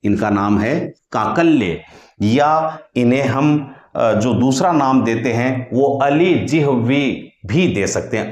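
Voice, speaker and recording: Male grammar teacher, mid-pitched, slow and methodical, demonstrates sounds aloud, echoey room. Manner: addresses listeners as friends, with thinking fillers. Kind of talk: exam-prep phonetics lesson.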